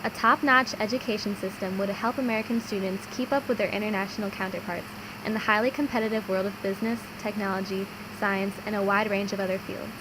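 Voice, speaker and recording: A woman reads a scripted documentary narration in a measured, earnest way. Her pitch sits in the middle of the range. A noisy background runs under her voice. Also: fairly even intonation.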